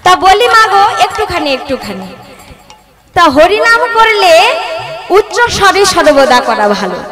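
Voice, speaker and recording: A woman's voice: very high voice, sing-song, unhurried, over a noisy crowd. A woman with a Bengali accent giving a devotional sermon, coaxing her audience and leading call-and-response chanting. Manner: coaxing the audience, rhythmic sing-song delivery. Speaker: kirtan singer and preacher. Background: live devotional music.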